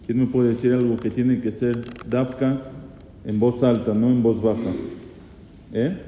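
A man's voice: mid-range voice, flat delivery, measured pace, warm tone. A man, a rabbi teaching a class on religious law. He quizzes his students and repeats key phrases, mixing Hebrew terms into his speech. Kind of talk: Torah law lesson to students. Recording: echoey hall with long reverb, faint noise.

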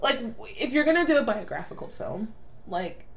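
A woman co-hosting a casual podcast chat, chatty and quick to laugh, trailing off with fillers. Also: a little high, sing-song. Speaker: podcast co-host.

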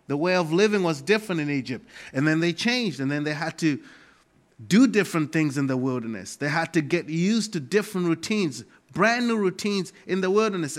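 In a fairly high, fairly bright voice, a middle-aged Malawian-accented pastor preaches forcefully. He makes a point of repeating his key phrases.

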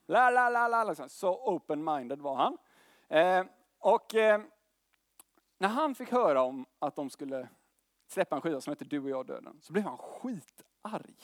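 High-voiced man preaching casually. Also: very animated, no echo, studio quality. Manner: conversational preaching with slang and tag questions. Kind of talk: sermon.

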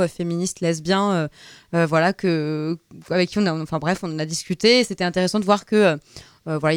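A woman's voice: fairly low pitch, clear, resonant tone, no room sound, studio quality. A woman columnist chatting casually on a radio show, rambling with many fillers. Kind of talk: casual chat.

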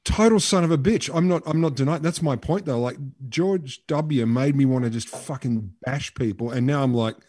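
A man's voice: medium pitch, normal speed, few pauses, darkish tone, no echo, studio quality. Blunt, sweary Australian man. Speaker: podcast co-host. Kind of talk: casual chat.

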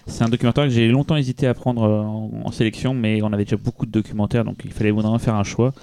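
A man talks casually on a podcast, wandering through his thoughts with lots of restarts. His voice sits low and sounds mellow rather than bright. The sound is dry and close. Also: fairly even intonation, fast talker, clean tone, no echo. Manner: rambling, many restarts and hesitations. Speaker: podcast co-host presenting a film. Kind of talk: casual chat.

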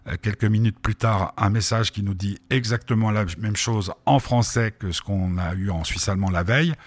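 A middle-aged man hosting a radio show, his voice low and a little husky. He rambles through a personal story with frequent pauses and restarts. The recording is dry and close. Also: no echo. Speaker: radio host. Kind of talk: casual first-person radio monologue. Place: home studio during quarantine.

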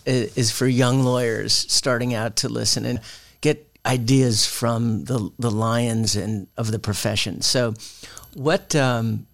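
A man hosting an interview, asking halting questions and reacting quickly to his guest. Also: medium pitch, no echo. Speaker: podcast host.

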